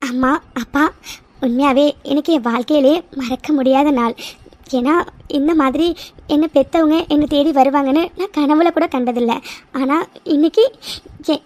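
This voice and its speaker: A woman's voice: high-pitched, fairly even intonation, normal speed, darkish tone, natural voice. A woman voicing an emotional young married woman in a cartoon drama, thanking her family. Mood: grateful.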